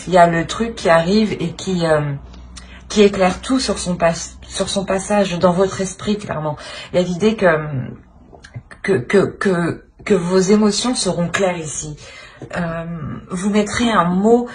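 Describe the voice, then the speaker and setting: A woman with a lowish voice speaks unhurriedly while giving viewers an unscripted tarot reading on her channel. She sounds hesitant, searching for words and repeating phrases.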